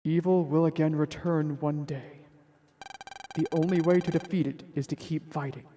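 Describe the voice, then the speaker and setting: A man's voice: on the high side, fairly even intonation, moderate pace, mellow, a little hiss or hum, close to an everyday voice. A man reading out the solemn lines of a disembodied, unseen guardian voice from a video game. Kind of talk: reading game dialogue aloud on a stream.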